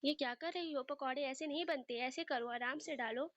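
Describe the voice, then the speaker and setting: Strict housewife, read by a woman, sharp, impatient, high voice. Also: fairly quick, no echo.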